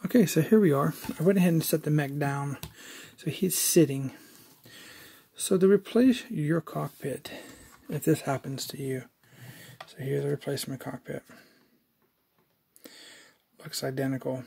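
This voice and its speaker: A man's voice: on the high side, measured pace, vocal fry, pauses often, warm tone, husky. A man casually narrating an unboxing of a collectible figure, explaining each step with fillers as he goes. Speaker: toy collector reviewer.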